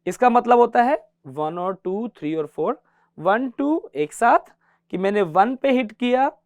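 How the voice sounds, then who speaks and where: A man's voice: high-pitched, expressive, a little slow, no echo. A man teaching a guitar class, patiently counting beats aloud and mixing English terms into his explanations. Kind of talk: classroom music lesson.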